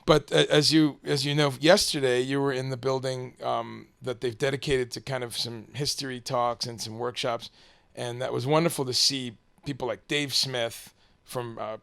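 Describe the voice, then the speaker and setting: A man hosts a casual interview in a mid-pitched voice with plenty of vocal fry. He talks in a hesitant, rambling way, circling toward his point. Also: steady tone, moderate pace, few pauses, fairly bright tone.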